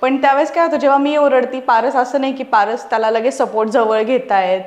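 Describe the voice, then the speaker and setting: A woman in her thirties with a high voice, speaking as a guest in a relaxed interview. Her delivery is earnest and persuasive as she works through examples. The room around her sounds echoey. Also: a little fast. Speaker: podcast guest, parenting expert. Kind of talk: casual conversational interview.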